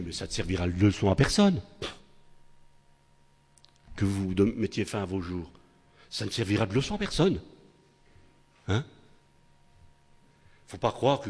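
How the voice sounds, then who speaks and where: An older man preaching a sermon with a husky voice, in a chatty style that keeps tossing tag questions to his listeners and restarting phrases. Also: lowish voice. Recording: long hall reverb.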